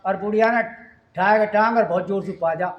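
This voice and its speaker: A woman's voice: mid-range voice, a little fast. A woman telling a funny folk story in an amused, chatty way, in a dull, echoey recording.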